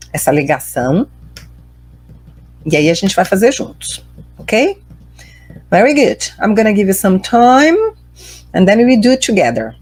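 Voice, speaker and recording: A woman's voice: lowish voice, a little mellow, breathy edge, no room sound. A woman with a Brazilian Portuguese accent teaching an online English lesson, carefully drilling pronunciation and switching between Portuguese and English.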